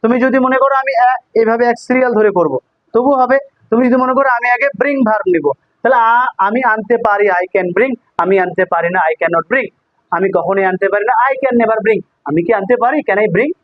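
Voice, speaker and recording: A man's voice: high-pitched, no room sound, muffled recording. A man teaching an English grammar class, repeating each example sentence in two languages and asking students if they follow. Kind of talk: classroom lesson, drilling sentences aloud.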